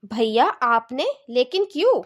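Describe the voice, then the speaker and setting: A woman's voice: on the high side, very animated, takes it slowly. A woman voicing a bossy, complaining middle-aged mother-in-law in a cartoon, nagging and scolding.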